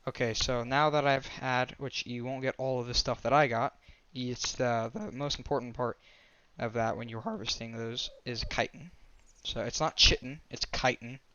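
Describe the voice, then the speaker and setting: A man talks through a game tutorial in a loose, casual voice-over, stopping to restart and correct himself as he goes. His voice is bright and forward at a middle pitch. Faint clicks sit under it. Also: a little hiss or hum. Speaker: gaming tutorial creator.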